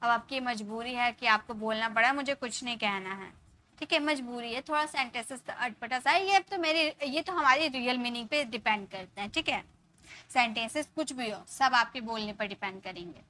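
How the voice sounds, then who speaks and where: Young indian woman teacher, high bright voice, drags out the english examples real slow. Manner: explains in Hindi, slowly spells out English example sentences. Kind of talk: live spoken-English class.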